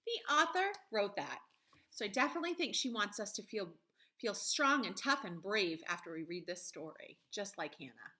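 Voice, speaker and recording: In a room at home, an elementary school teacher in her thirties reads aloud to children, drawing them in with simple, direct questions. Her medium-pitched voice swings widely in pitch at a normal speed, sounding bright and forceful.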